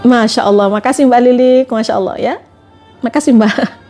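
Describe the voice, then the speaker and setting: Woman trainer, high voice, preachy live-stream advice, faint music underneath. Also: fairly even intonation, moderate pace, warm tone. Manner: fires repeated rhetorical questions at listeners; addresses viewers directly, coaxing. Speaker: motivational trainer.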